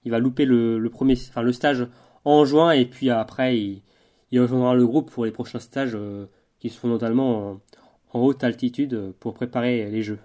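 A man's voice: mid-range voice, fairly even intonation, normal speed, mellow. A man co-hosting a casual sports podcast, speaking with frequent hesitations. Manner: hesitant, many fillers. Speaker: podcast co-host.

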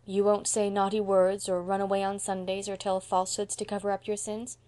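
Woman playing a gentle, soft-spoken young woman. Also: medium pitch, monotone, fairly quick, natural voice. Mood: gentle, grave. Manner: soft-spoken, grave, kindly. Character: gentle, patient young woman comforting a child. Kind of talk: audiobook character voice.

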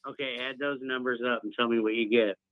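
Male phone-in caller, tinny phone line, dry and close, rambling conspiracy talk, mid pitch. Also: steady tone, fast, dry recording. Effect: heard over a phone line. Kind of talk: casual call-in chat.

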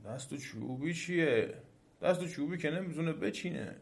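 A man's voice: on the high side, expressive, gravelly, pitched above the performer's own voice. A man doing a grumpy sleepy demon. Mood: drowsy. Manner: drowsy mumbling, then bellowing orders. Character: sleepy bad-tempered male garden demon.

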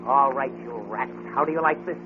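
A man's voice: mid-range voice, a little fast, phone-quality sound, close to an everyday voice. A man playing the Blue Beetle, a bold masked hero. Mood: determined. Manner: confident, commanding, taunting. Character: bold masked male crime-fighting hero. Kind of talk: 1940s radio acting. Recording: scratchy old radio recording.

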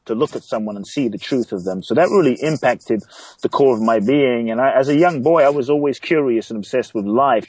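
A man's voice: mid-range voice, darkish tone, husky, no echo, poor audio. A man from London, a coach guest, telling his story in an earnest, reflective way with frequent repeated words. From grew up in London. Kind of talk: interview storytelling.

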